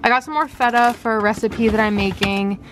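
Young woman vlogging on her phone in the kitchen, kinda high voice, lots of likes and ums, bit of faint noise behind. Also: fairly even intonation, fairly quick. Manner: chatty, uses "like" and "um" a lot, laughs often. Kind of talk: casual vlog chat. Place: at home, in the kitchen. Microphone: phone camera.

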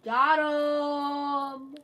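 A woman with a sore throat mutters casual commentary on her game from her bedroom, slowly rambling to herself. Her voice sits high and fairly bright but stays monotone, and the recording sounds muffled.

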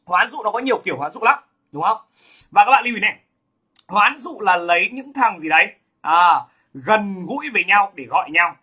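A male literature teacher lecturing high school students, emphatic and constantly checking in with "right?". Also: expressive, fairly quick, bright, forceful tone, slightly rough, muffled recording. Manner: emphatic, keeps asking "đúng không?".

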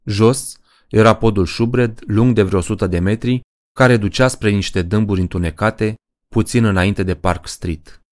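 A man reading a horror story aloud as an audiobook narrator, in a measured, deliberate way. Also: on the low side, no room sound, clean studio sound.

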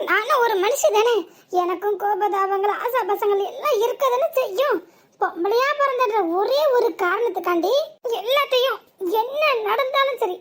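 Woman doing a squeaky, fiery daughter-in-law Sundari. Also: fairly bright tone. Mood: ranting. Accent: southern Tamil Nadu. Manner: ranting, dramatic. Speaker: cartoon voice. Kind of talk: village cartoon comedy.

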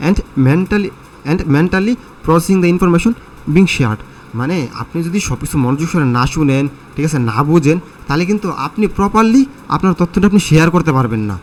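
A man's voice: fairly high pitch, expressive, moderate pace, a little mellow, slight background noise. Man teaching English in class. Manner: conversational, asks students questions, many fillers. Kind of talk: explaining a lesson in Bengali mixed with English.

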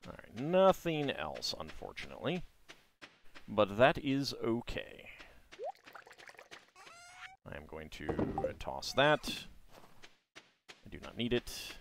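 A man's voice: medium pitch, big pitch swings, slow pace, vocal fry, long pauses, slight background noise. A man giving casual let's play commentary, often murmuring to himself as he plays. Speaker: gaming video host. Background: game music.

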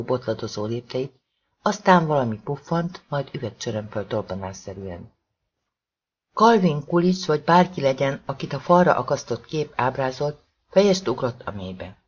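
A man's voice: mid-range voice, muffled recording. A man narrating a suspenseful novel in a dramatic audiobook reading.

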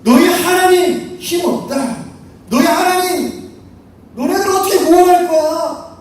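A man's voice: very high voice, measured pace, slight background noise, voice pushed up. A man voicing a boastful giant warrior who mocks and taunts his enemies. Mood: taunting. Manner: taunting, jeering. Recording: echoey hall from far off.

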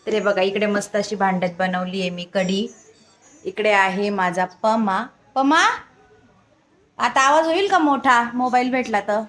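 A woman's voice: mid-range voice, a little slow, a bit bright. A young woman chatting casually to viewers of her home vlog, recorded on a hand-held phone, sometimes coaxing her child in a sing-song voice. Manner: chatty, talks straight to viewers. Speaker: home vlogger. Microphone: phone camera held in hand.

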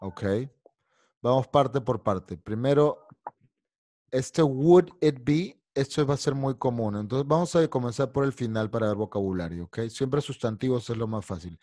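A man's voice: medium pitch, moderate pace, darkish tone, no room sound, clean studio sound. A man teaching an online English class, explaining patiently and mixing Spanish with English.

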